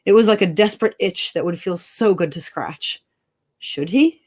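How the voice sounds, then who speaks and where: An author reading her story with expression, then chatting cheerfully and laughing easily. Her voice sits a little low for a woman. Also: moderate pace, a little mellow. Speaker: author and co-host. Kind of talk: dramatic story reading and casual chat.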